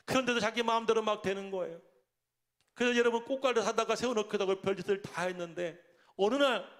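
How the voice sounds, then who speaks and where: Animated high-voiced Korean pastor preaching. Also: male voice. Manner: animated storytelling, acting out angry quotes. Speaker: senior pastor. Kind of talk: storytelling sermon.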